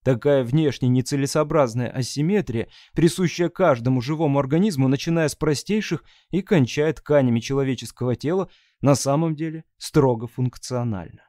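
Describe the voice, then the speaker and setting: A man narrating a science-fiction audiobook in a steady, even storytelling manner. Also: medium pitch, normal speed, few pauses, no room sound, clean studio sound. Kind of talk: scripted narration.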